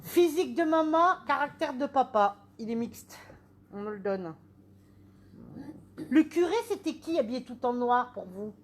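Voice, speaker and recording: A woman working as a medium, giving a live reading with animated, questioning speech and a habit of repeating phrases. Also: high-pitched, a little slow, slight background noise.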